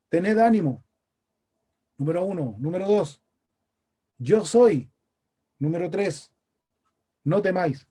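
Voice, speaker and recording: A Chilean man preaches in a high, mellow voice. He keeps it conversational and often turns to his listeners with questions. The sermon is delivered in a church meeting room. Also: husky. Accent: Chilean Spanish. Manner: conversational, asks the congregation questions.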